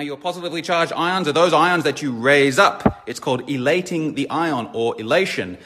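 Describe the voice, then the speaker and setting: Blunt male self-help lecturer, bright and forceful, with a long hall echo. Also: fairly high pitch. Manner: blunt, emphatic, swears. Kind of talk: lecture with sales pitch.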